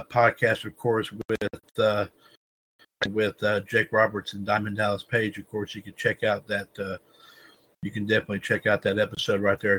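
A man hosting a wrestling news podcast, reading stories aloud with frequent stumbles and restarts and addressing listeners as ladies and gentlemen. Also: fairly low pitch, slight background noise, low-quality recording. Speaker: podcast host.

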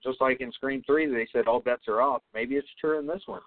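A man's voice: medium pitch, fairly quick. A man co-hosting a podcast, dropping short joking comments about a movie. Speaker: podcast co-host. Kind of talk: casual movie chat. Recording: tinny phone-like sound.

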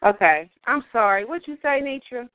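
A woman's voice: fairly high pitch, animated, normal speed, no room sound. Woman chatting on a tinny speakerphone. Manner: chatty, laughs easily, churchy talk. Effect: on a speakerphone over a phone line. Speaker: prayer call participant. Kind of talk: casual phone chat. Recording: tinny speakerphone phone line.

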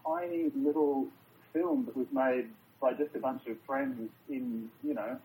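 Man, Australian accent, slightly high voice, rambling, swears freely, faint background noise. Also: animated, measured pace, creaky, darkish tone, rough recording. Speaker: film writer and director, guest. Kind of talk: casual interview chat.

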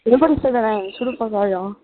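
A woman's voice: fairly high pitch, fast. A woman calling in, talking bluntly and with a lot of swearing, her voice muffled as if she were inside a fishbowl. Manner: blunt, profane, teasing. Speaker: caller. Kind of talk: casual chat. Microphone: phone. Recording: tinny phone line with crowd noise.

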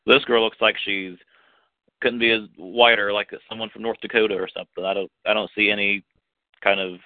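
A man with a lowish voice chats casually as a podcast co-host, opinionated and laughing easily. His voice comes through a thin, phone-like line with a dry, close sound. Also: flat delivery, brisk, no room sound. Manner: chatty, opinionated, laughs often. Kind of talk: casual chat about soap operas.

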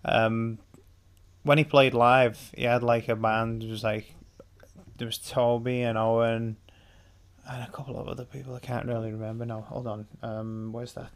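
Brief: young English male co-host, gravelly, easygoing, explains band history. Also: mid-range voice, normal speed. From England. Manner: relaxed, explains music trivia patiently. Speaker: podcast co-host. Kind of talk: casual album commentary.

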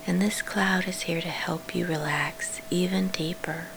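A woman leading a guided sleep meditation in a soft, soothing whisper, pausing between short phrases. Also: fairly low pitch, fairly even intonation, vocal fry, noisy background.

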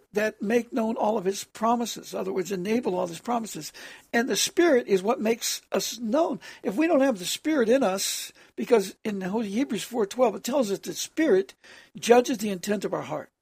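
Halting and frequently clearing the throat, a preacher improvises a sermon addressed as a prayer. The voice is harsh and hoarse yet mid-range, recorded in clean studio sound without echo.

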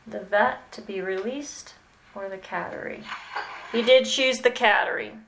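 A woman mentoring a student in animal communication, talking slowly and hesitantly with many pauses and "okay"s. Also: medium pitch, vocal fry, a bit bright, slight background noise, rough recording. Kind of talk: mentoring session.

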